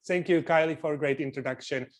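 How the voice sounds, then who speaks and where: A man's voice: fairly high pitch, fast talker. A man from the Czech Republic with a Czech accent, a chef instructor presenting a live cooking webinar in earnest, loosely phrased non-native English with frequent restarts.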